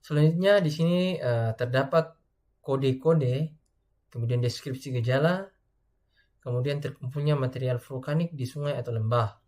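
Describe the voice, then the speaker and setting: A man's voice: mid-range voice, normal speed, a little mellow. A young man from Indonesia giving a student class presentation, hesitating often and reading through lists of codes. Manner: hesitant, many filler sounds, reads lists of codes.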